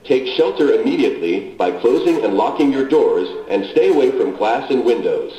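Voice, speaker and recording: Male emergency alert announcer heard over a loudspeaker, scripted and firm, with faint music behind. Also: mid-range voice, lively intonation. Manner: firm, measured commands. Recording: echoey loudspeaker playback.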